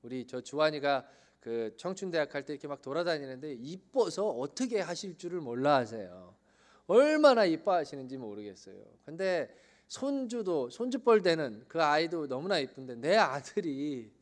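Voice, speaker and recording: A fairly high-voiced man delivers a sermon as pastor. His delivery surges into loud, emphatic lines, then drops into hushed, low remarks, and he keeps checking in with listeners through questions. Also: clear, resonant tone. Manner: swings between loud emphatic peaks and quiet low asides; asks the congregation questions and leads group reading.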